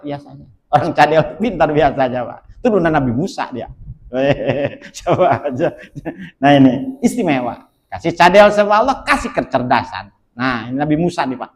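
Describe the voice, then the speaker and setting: A man's voice: on the high side, poor audio. A man, preaching a casual storytelling sermon in a jokey way and often addressing his listeners directly. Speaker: Islamic preacher.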